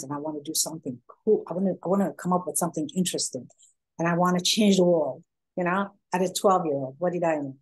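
An Iranian woman in her forties, a guest speaker on a video call from a room at home, earnestly explains her business through presentation and interview answers, using many fillers. Her voice is low, husky and somewhat dark, and the recording quality is poor.

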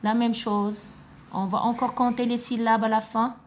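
A woman kindergarten teacher giving a recorded reading lesson for young children, slow and encouraging, praising often. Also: fairly high pitch, little pitch movement, slight background noise.

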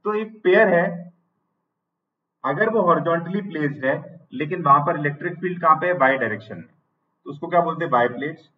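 In an online exam-prep lecture, a male teacher with an Indian English accent dictates notes slowly, repeating phrases and posing questions he then answers himself. His pitch is fairly high, and he sounds far from the mic, with phone-quality audio.

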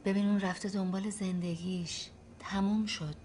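An actress playing a busy shopkeeper wife, brisk and exasperated with her husband. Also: mid-range voice, flat delivery, warm tone, a little hiss or hum, natural voice. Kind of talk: film acting.

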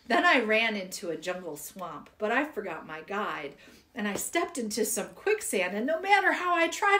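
A woman's voice: on the high side, a bit bright. A woman reading children's poems aloud in a playful, giggly way. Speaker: poetry reader.

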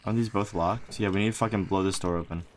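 A man's voice: on the low side, steady tone, fast, slight background noise. A young man chatting casually while playing a co-op game, laid-back, joking and swearing often. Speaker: co-op gamer. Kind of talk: casual gaming chat.

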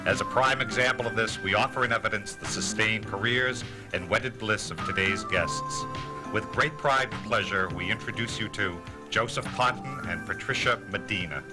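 A man with a lowish voice announces a show in formal, grandiose scripted phrases. Loud music plays under him. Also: normal speed, rough recording. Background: loud intro music.

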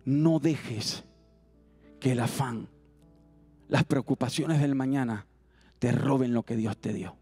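A man's voice: medium pitch, takes it slowly, vocal fry, pauses often, mellow, slightly rough, soft background music. A man preaching a youth service sermon. He repeats his exhortations in an earnest, rising cadence.

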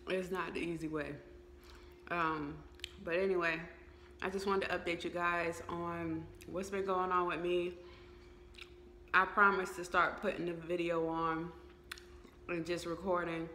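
A woman's voice: lowish voice, flat delivery, measured pace, pauses often, bright, forceful tone, echoey room, a little hiss or hum. A woman giving a candid update vlog, hesitant with many fillers and eating while she talks. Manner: eating and chewing while talking. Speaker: vlogger.

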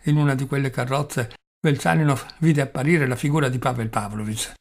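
A man narrating a novel as an audiobook reader, in a steady, measured way. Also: mid-range voice, vocal fry.

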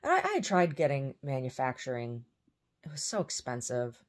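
A woman's voice: very deep voice, wildly swooping pitch, normal speed. A woman vlogging in a casual, rambling way, often trailing off and restarting her sentences.

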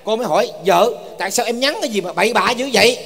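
A man's voice: high voice, quick pace, creaky, a crowd in the background. A man playing a whiny young husband who mocks his family in a live stage comedy sketch. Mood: complaining. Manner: whiny, mocking. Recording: live stage with loud audience noise.

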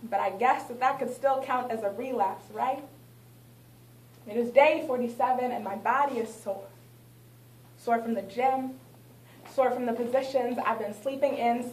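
Her voice is high-pitched yet somewhat dark in tone as the young woman dramatically recites poetry with repeating rhythmic lines. Captured by a distant camera, no mic, in a small indoor art gallery, the audio sounds roomy with a little background noise.

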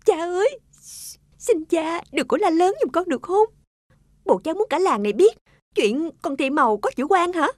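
A woman's voice: very high-pitched, moderate pace, dry recording. A vain, whiny young village girl. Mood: pleading. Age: young adult. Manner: whiny, expressive. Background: music.

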